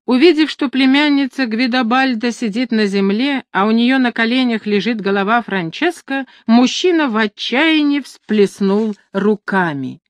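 A woman reading a historical novel aloud, narrating in an even, expressive storytelling manner. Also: fairly high pitch, normal speed, hardly any pauses, no echo. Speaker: audiobook narrator. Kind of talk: scripted narration.

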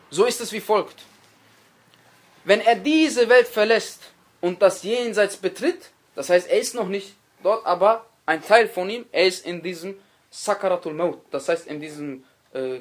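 Male lecturer, high voice, earnest sermon delivery, repeats lines for emphasis, speaks straight to the audience. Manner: earnest preaching with dramatic emphasis on quoted speech; repeats key phrases and addresses listeners directly. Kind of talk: religious lecture.

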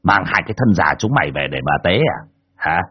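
A cruel village landlord, played by a man, barking abuse and orders in a husky voice that swings wildly up and down. His tone is harsh and domineering, as in a spoken storybook. The recording is dull and lo-fi. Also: low voice, animated, fairly quick. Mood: bullying rage. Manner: barking, abusive, shouting orders. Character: cruel bullying male village landlord, middle-aged.

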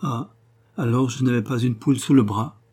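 A man reading aloud and voicing an excited, breathless young woman, the heroine of the story. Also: normal speed, husky, natural voice. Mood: playful. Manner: high-pitched and breathless.

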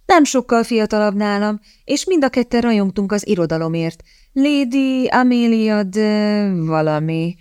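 A woman voicing a dreamy, easily distracted young sister in a storybook reading, speaking slowly and airily. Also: on the high side, big pitch swings, darkish tone, no echo, studio quality, pitched above the performer's own voice. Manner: dreamy, slow, airy.

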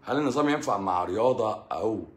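A man's voice: fairly low pitch, expressive, fast, roomy sound. A man with an Egyptian Arabic accent, a doctor hosting a live stream who answers viewers casually, explaining in a teasing, sarcastic way.

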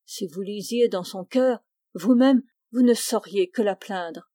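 A woman's voice: medium pitch, unhurried, dark tone, no room sound, clean studio sound, lightly acted. A woman reading the part of an anguished, pious young man who pleads earnestly with his mother. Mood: pleading.

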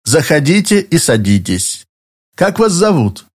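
Reading an audiobook, a man plays a middle-aged tenant whose smooth courtesy gives way to suspicion and curtness. The performance is heavily acted: his voice is on the high side, pushed up and breathy, very animated but unhurried.

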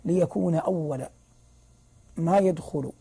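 A man giving a religious lesson as a sheikh, explaining slowly and repeating key phrases for emphasis. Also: a little high, mellow, slightly rough, poor audio. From Saudi Arabia.

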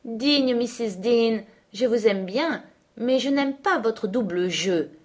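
A woman voicing a harsh, brooding man who mocks and threatens, forceful and insistent. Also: a little high, expressive, slow, pitched above the performer's own voice. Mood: mocking. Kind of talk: audiobook character voice.

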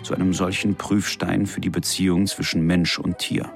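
Man, radio feature narrator, very low voice, animated delivery, over music. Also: normal speed, creaky. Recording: music underneath.

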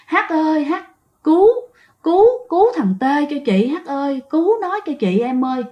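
A woman's voice: high-pitched, animated, normal speed, voice pushed up. A woman voicing the ghost of a dead mother who calls out desperately for someone to save her son, in a dull, lo-fi recording. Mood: desperate pleading. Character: pleading ghost of a drowned boy's mother.

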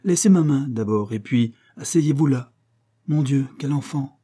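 A man reading an audiobook, voicing a proud noblewoman with haughty, sharp irony. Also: medium pitch, animated, a little slow, breathy edge, pitched above the performer's own voice. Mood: mocking. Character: proud cutting noblewoman, marquise, mocking.

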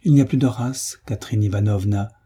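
A man's voice: lowish voice, brisk, mellow, slightly rough. A man voicing a shy but earnest young man speaking seriously, in an audiobook.

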